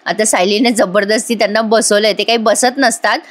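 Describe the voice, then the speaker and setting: A woman's voice: medium pitch, steady tone, a little fast. A woman narrating a TV serial episode recap, chatting to viewers and dropping wry asides. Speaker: TV serial reviewer.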